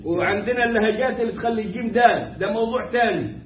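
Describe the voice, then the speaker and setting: Egyptian male religious teacher, high-pitched, jokey and instructive; recorded far off in an echoey room. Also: fast talker, a little hiss or hum. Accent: Egyptian Arabic. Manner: joking, mimics mispronunciations. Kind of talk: colloquial religious lesson. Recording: echoey room, distant muffled mic.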